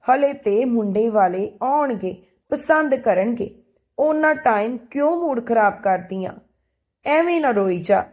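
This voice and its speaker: A cheeky, cheerful young best friend from a spoken storybook, as a woman narrator puts her on. She jokes and teases in a slightly high, bouncy voice. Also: a little slow. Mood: playful. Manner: playful, joking and lively.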